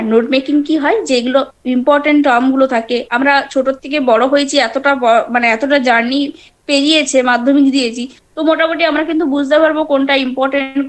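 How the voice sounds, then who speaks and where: A high-voiced middle-aged woman with a Bengali accent teaches an online class, explaining step by step. She speaks through a laptop or phone mic on a video call. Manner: explanatory, scolding students now and then, fillers and restarts.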